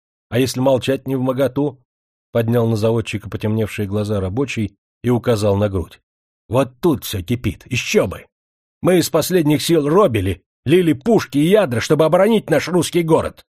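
A man's voice: mid-range voice, animated, normal speed, a little mellow, no echo, studio quality, natural voice. A man voicing a strong, stern blast-furnace worker who talks bluntly in plain folksy speech, in an audiobook. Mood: heated.

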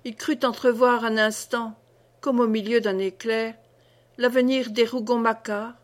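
Lady reading an old novel aloud, kinda high voice, dramatic. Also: flat delivery, unhurried. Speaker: audiobook reader. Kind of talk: scripted narration.

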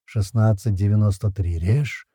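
A dying young man, voiced by a male narrator, whispering out codes slowly and weakly. The voice is low-pitched and dark, with a husky edge. Every word costs him effort. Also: fairly even intonation, no room sound, studio quality. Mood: faint. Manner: weak, slow, whispered.

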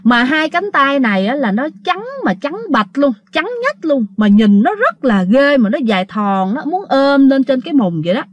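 A woman's voice: high-pitched, big pitch swings, normal speed, few pauses, dry recording, lo-fi sound. A woman telling a ghost story in a casual, chatty way, talking straight to her listeners. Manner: chatty, addresses listeners directly, many fillers.

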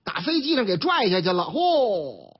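A man's voice: sits high, moderate pace, husky. A man with a Beijing accent hosting a chatty radio newspaper commentary show, retelling stories and acting out the people in them. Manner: lively storytelling, acts out quoted characters with voice changes. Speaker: radio news commentary host. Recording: dull lo-fi radio broadcast.

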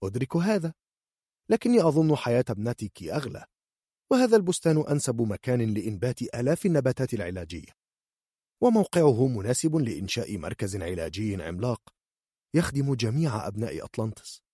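A shrewd young healer girl, put on by a male storyteller, her voice lifted a little above his own, cool and quick. The tone is husky and dry, with close, unechoing sound. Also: mid-range voice, very animated, warm tone, dry recording, pitched above the performer's own voice. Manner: cool, matter-of-fact and bargaining.

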